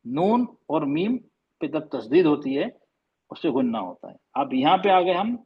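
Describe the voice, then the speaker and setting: A man teaching an online class on recitation, patiently stretching and repeating example sounds. His voice sits a little high and sounds husky. The recording is dull and lo-fi. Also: very animated. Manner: explains patiently, demonstrates sounds slowly and repeats them. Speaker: tajweed teacher.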